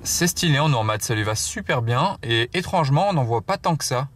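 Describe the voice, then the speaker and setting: Hosting a car-spotting vlog from inside a car, this man shows off a gadget and talks upbeat and directly to his viewers in a casual product demo. His mid-range voice is animated, brisk, and a bit bright, with slight background noise.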